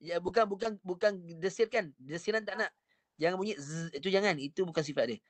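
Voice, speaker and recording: A man's voice: high-pitched, fairly quick, no echo. A man with a Malaysian Malay accent teaching an online Quran recitation lesson, patiently repeating short drills and corrections over a video call.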